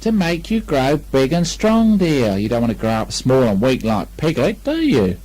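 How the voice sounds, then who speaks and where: A man voicing a brisk, motherly female kangaroo in a storybook reading, cheerful and firm. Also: mid-range voice, huge pitch swings, darkish tone.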